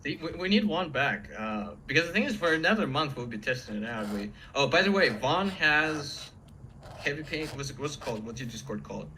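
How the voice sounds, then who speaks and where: A man's voice: fairly high pitch, animated, a little fast, sharp tone, low-quality recording. A man who teaches painting, chatting casually and enthusiastically on a livestream in an informal way. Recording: faint background room noise.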